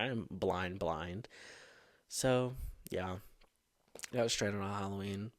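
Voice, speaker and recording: A young man hosting his own podcast, telling school stories in a dramatic, swearing, animated way. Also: on the low side, no echo, clean studio sound. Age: young adult. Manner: dramatic, profane, animated storytelling. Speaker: podcast host. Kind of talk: casual storytelling.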